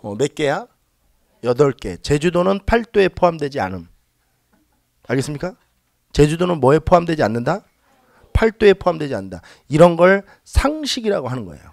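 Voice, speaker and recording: A man lectures a classroom of exam students, his somewhat high voice bouncing animatedly from point to point. He teases the class for forgetting basics, then has them chant lists back at him loudly. The sound is close and dry, with no room echo. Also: very animated, fairly quick, vocal fry, long pauses. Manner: leads students in loud call-and-response drills; teasing, talks down to students jokingly. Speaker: civil service exam history lecturer.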